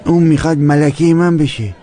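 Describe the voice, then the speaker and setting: A man's voice: a little high, dark tone, a faint crowd, close to an everyday voice. A man playing a pushy, lovestruck braggart. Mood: pleading. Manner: pleading, teasing, theatrical. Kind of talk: dubbed TV drama acting.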